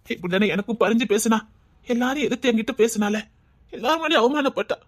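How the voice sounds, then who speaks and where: A woman's voice: a little high, animated, fast talker. A woman playing the children's uncle, a grown man brooding and reproaching himself in a Tirunelveli Tamil comedy skit. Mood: regretful.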